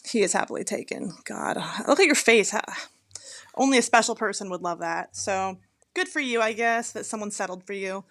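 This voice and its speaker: A woman's voice: mid-range voice, normal speed, fairly bright tone. Blunt, foul-mouthed woman podcast host. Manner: blunt, profane, teasing. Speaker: podcast co-host, police officer. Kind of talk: casual podcast chat.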